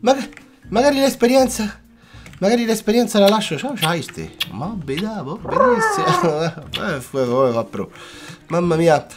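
A young Italian gaming YouTuber offers casual, playful Let's Play commentary, chatting with his viewers and slipping in English words. His cough-worn voice sits high, with lively intonation at a normal speed, over faint background music.

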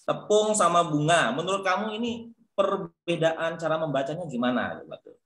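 A male lecturer runs an online English pronunciation class over video call, calling on students by name and encouraging them. His fairly high voice is animated and a bit bright, at a moderate pace, with a reverberant sound.

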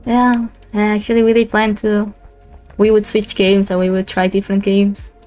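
A woman streamer chatting excitedly while playing a co-op game, exclaiming and laughing often. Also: medium pitch, moderate pace. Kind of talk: casual gaming chat. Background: faint lo-fi background music.

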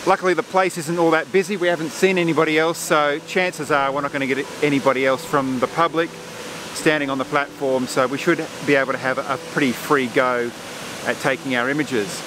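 In this casual outdoor vlog, a forties-aged landscape photographer walks viewers through his shoot, moving between a forest and a gorge lookout. He talks briskly in a somewhat high voice with fairly even intonation, chatty and explanatory, with frequent fillers. The handheld camera's built-in mic, held at arm's length, also captures a noisy background.

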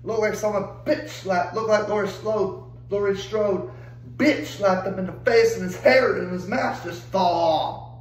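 Exasperated young guy ranting, cursing nonstop, high voice, faint hum behind. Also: a little slow, roomy sound, low-quality recording. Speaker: vlogger. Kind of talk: angry rant to camera.

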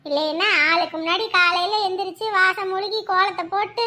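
Woman voicing a chatty, high-voiced village neighbour. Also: fairly even intonation, brisk, bright, forceful tone. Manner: gossipy, sympathetic rambling.

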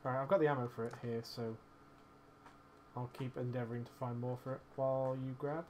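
A man's voice: medium pitch, level tone, a little fast, darkish tone, slight background noise. Man swearing through casual game chat. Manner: swearing, joking banter. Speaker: streamer.

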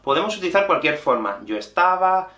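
This man's voice is high-pitched and fairly quick as he teaches an animated online lesson. He's a Spanish teacher from Spain who gestures nonstop while explaining, recorded by a mid-shot camera in a small, echoey room with a bookshelf and a whiteboard.

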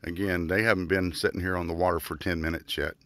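This upbeat fishing vlog features a man in his forties on a small boat on a river, talking fast in a low, sharp-toned voice with fairly even intonation. He's chatty and leans heavily on fillers as he speaks into a handheld phone camera, with outdoor noise from the water and boat.

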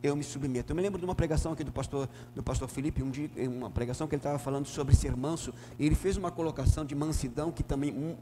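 A man with a southern Brazilian gaúcho accent, a pastor teaching a Bible lesson emphatically, swinging from loud to soft. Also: on the high side, rapid-fire, hardly any pauses. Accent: southern Brazilian, Rio Grande do Sul. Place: church hall. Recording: reverberant church hall, faint hum.

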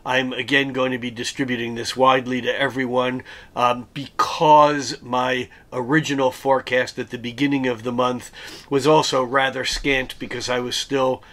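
A hoarse man with a raspy voice, recovering from illness, speaking as an astrologer in a methodical forecast monologue that goes through dates and planetary aspects one by one. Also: mid-range voice, little pitch movement, normal speed, fairly bright tone.

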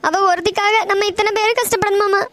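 A woman voicing a shrill, stubborn cartoon mother. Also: fairly even intonation, a little fast, fairly bright tone, dry recording. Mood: hurt insistence. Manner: pleading, argumentative, insistent. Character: upset middle-aged mother, stubborn and grieving. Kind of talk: cartoon voice acting.

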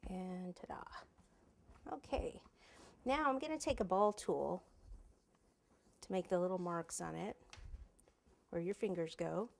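Her voice is on the low side, slow, full of vocal fry and long pauses. A woman in her forties leads a casual hands-on cake decorating tutorial in her home kitchen, chatty and thinking aloud, wearing a lapel mic.

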